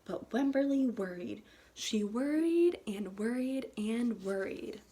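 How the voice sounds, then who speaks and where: Her voice fairly high, expressive, and dark in tone, a kindergarten teacher reads a children's storybook expressively in short phrases, pausing to put questions to her young audience.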